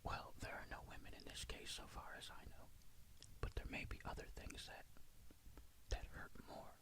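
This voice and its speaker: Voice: normal speed, close to an everyday voice. A storyteller voicing a cagey, formal older businessman in a storybook, as a whispered role-play. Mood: measured, probing. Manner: hesitant, conspiratorial, formal. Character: cagey, secretive cigar-puffing older American businessman.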